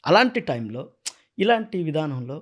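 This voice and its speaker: Animated man telling stories. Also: a little high, normal speed. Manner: animated storyteller, bursts into loud speech-like impressions. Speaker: actor and mimicry artist, interview guest. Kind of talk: casual interview chat with impressions.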